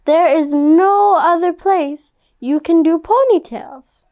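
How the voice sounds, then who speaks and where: A woman's voice: very high-pitched, slow pace, a little mellow, voice pushed up. A woman voicing a patient, questioning mother in a children's storybook, with emphatic phrasing. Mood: exasperated, doubtful. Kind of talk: children's picture book read-aloud.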